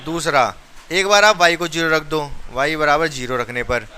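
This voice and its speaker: A man's voice: fairly high pitch, normal speed, sharp tone. A male maths teacher teaching a class step by step, counting aloud and urging his students. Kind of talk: classroom lesson.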